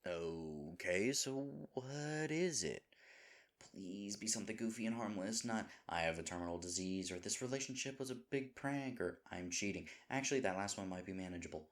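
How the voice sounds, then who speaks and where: A man with a lowish, expressive voice and moderate pace plays a lovable, nervous himbo boyfriend in an intimate audio roleplay. He sounds worried and earnest, rambling and hesitant, and drops into breathy asides.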